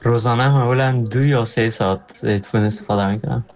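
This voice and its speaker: A man's voice: medium pitch, fairly even intonation, a little mellow. A young man, a youtuber, talking casually and matter-of-factly. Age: 20s. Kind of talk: casual interview comment. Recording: dull remote recording.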